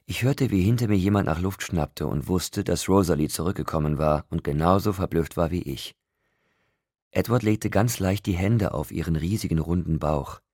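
A man reading an audiobook in a calm, even storytelling manner. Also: low voice, moderate pace, breathy edge, no echo, clean studio sound. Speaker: audiobook narrator. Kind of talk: audiobook narration.

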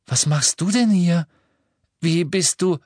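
A man's voice: medium pitch, expressive, normal speed, slightly rough, dry recording, studio quality, pitched above the performer's own voice. A man voicing a tense teenage boy who speaks with urgency in an audiobook. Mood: urgent.

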